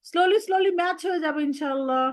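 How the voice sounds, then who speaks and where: High-voiced woman teaching letter sounds. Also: a little fast, dry recording. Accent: Bangladeshi Bengali. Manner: patient, encouraging, models sounds repeatedly. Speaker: Arabic pronunciation teacher. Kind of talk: online lesson for children.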